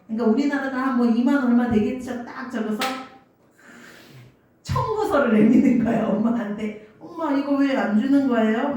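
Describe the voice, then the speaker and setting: A woman pastor gives a sermon in a church sanctuary, telling stories and asking the congregation questions. Her voice is fairly high and a little mellow. The audio is dull and the church hall very echoey.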